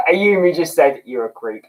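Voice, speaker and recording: On a low-quality recording, a man with a slightly high voice hosts a laid-back livestream from his home. He reads out viewer comments, chatting away, poking fun at himself, and laughing a lot.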